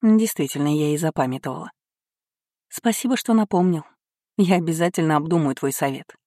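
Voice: medium pitch, fairly quick, warm tone, no room sound, studio quality, close to an everyday voice. A reader voicing a teasing young lady. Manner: playful, arch. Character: young duke's daughter, lively and teasing. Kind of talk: audiobook character reading.

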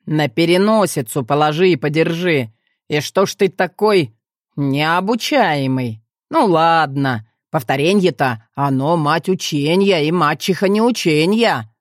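A plain-spoken gym jock who needles the frog with deadpan, rough teasing, as a woman reading the story plays him. His voice sits low and unhurried, with a lively, varied lilt. The sound is close and dry. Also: dry recording. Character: blunt, cheerful young male athlete and guard.

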